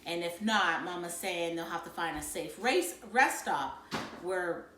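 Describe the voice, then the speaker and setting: A woman's voice: on the low side, a little slow, fairly bright tone, a little hiss or hum. A woman reading a novel aloud to children and explaining it as a teacher. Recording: roomy echo.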